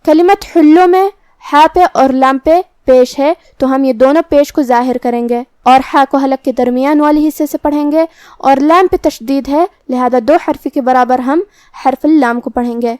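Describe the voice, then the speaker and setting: A woman teaching Quran recitation, explaining each letter methodically and then reciting the verses slowly. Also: high-pitched, darkish tone, dry recording.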